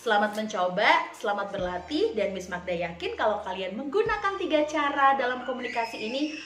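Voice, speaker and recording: A woman teacher giving a lesson to children, speaking clearly and deliberately with lively expression. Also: on the high side. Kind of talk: recorded online lesson for children. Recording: echoey room.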